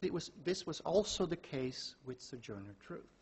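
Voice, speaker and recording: A man giving a measured academic lecture, reading out quotations from his sources. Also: fairly high pitch, very animated, slightly rough. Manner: measured, quoting sources aloud. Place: lecture hall.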